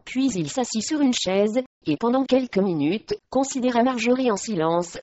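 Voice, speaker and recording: A woman narrating a historical storybook in a steady, measured reading voice. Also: fairly high pitch, no room sound, lo-fi sound.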